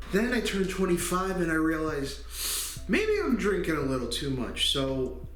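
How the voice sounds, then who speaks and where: A man in his twenties talking candidly in a personal vlog, halting often with fillers. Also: medium pitch, a bit bright. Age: 20s. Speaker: channel host. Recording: echoey room.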